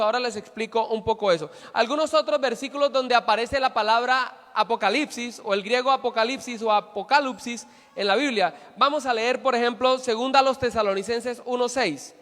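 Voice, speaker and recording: A pastor delivers a sermon in a very high voice. He questions his listeners and answers them, and he hammers his points home with emphatic repetition. His voice carries a long reverb through a hall. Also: moderate pace, fairly bright tone.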